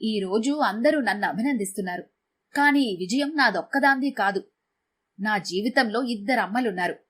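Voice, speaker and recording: A humble young woman in a storybook gives a heartfelt, earnest speech of thanks, as a woman narrator reads her part. The voice is a little husky and sits slightly higher than plain narration. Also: animated, normal speed, fairly bright tone. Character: young woman, newly chosen collector, grateful and humble.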